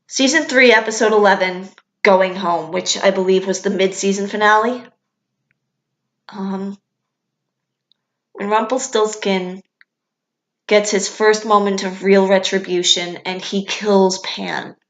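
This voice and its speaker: A woman's voice: medium pitch, steady tone, a little slow, long pauses. A young woman, a vlogger, talking candidly and enthusiastically as a fan in casual commentary, with some casual swearing. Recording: echoey room.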